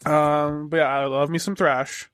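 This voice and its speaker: A man's voice: on the high side, level tone, a little slow, fairly bright tone, clean tone, no echo, clean studio sound, faint music behind. A man co-hosting a podcast, chatting casually in an enthusiastic, profane, rambling way with lots of fillers. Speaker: podcast co-host. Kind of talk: casual chat.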